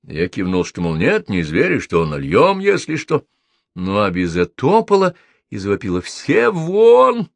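Deep, lively, dry-voiced male narrator. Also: moderate pace, no room sound. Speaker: audiobook narrator. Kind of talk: literary audiobook reading.

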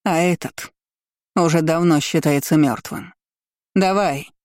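A man's voice: fairly high pitch, unhurried, dry recording, clean studio sound, natural voice. A man voicing a spiteful, scheming middle-aged empress who sneers and snaps orders, in an audiobook reading. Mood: commanding. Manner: sneering, imperious, snapping orders.

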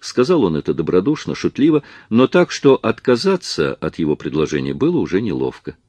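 A man's voice: low-pitched, huge pitch swings, brisk, darkish tone, no room sound, muffled recording. A man reading a novel aloud as an audiobook narrator, telling the story expressively.

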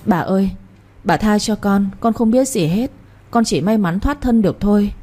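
A woman's voice: mid-range voice, lively intonation, moderate pace, warm tone, close to an everyday voice. A woman voicing a terrified young man who begs desperately for mercy. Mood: pleading. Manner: pleading, desperate.

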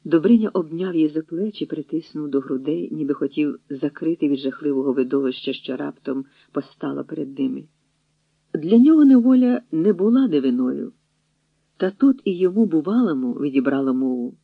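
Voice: mid-range voice, lively intonation, a little fast, gravelly, slightly rough, no echo. Narrator reading over a tinny line. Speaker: audiobook narrator. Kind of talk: dramatic audiobook narration. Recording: dry, tinny phone-like audio.

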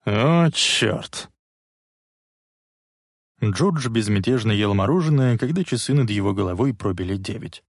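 An audiobook narrator reads a novel aloud as scripted narration, telling the story in an even, measured way. His voice is fairly low, and the studio-quality recording has no room sound.

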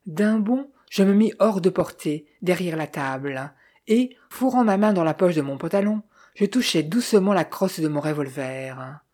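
A woman narrating a first-person detective novel in a measured, even storytelling voice. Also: fairly low pitch, breathy edge. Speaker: audiobook reader.

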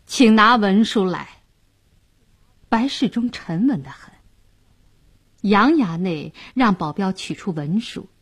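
A woman narrating a traditional Chinese story in an expressive, dramatic way. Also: mid-range voice, husky, dry recording.

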